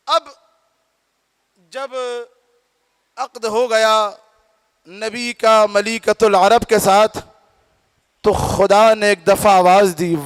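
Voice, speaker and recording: Very high-pitched male preacher in a reverberant hall. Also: fairly bright tone. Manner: impassioned oratory with rhythmic repetition, calls the audience to attention. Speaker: religious preacher. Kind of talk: mourning-gathering sermon. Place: large congregation hall. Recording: long reverb of a big hall.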